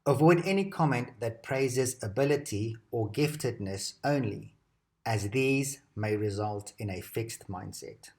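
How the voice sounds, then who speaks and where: A man reading a scripted educational narration at a measured, steady pace. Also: medium pitch. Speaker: presenter.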